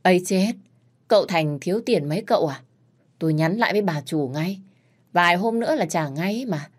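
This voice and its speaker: A fretful older housekeeper in a spoken storybook, her low voice hurrying to keep trouble away, put on by a woman narrator. She talks fast and placating, not quite calm. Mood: flustered. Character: anxious older female housekeeper, quick to placate.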